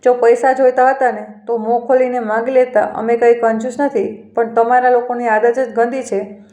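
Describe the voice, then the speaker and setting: A woman's voice: on the high side, flat delivery, moderate pace, roomy sound, close to an everyday voice. A woman voicing a cruel, haughty young daughter-in-law who speaks with scorn. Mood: scornful. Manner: scornful, sharp-tongued.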